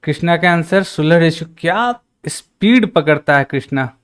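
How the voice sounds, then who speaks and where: A man teaches a maths lesson over a live stream, explaining each step and chatting with his viewers as they type. His voice sits a little high for a man and comes through smooth and clear. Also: lively intonation, normal speed. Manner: chatty teacher, reads out and teases chat.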